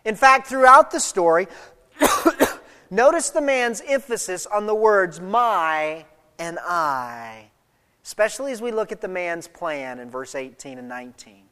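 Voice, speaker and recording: A pastor preaching a sermon to a congregation in an emphatic, animated way, with chatty asides and a cough from allergies. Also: mid-range voice, normal speed. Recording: long hall reverb.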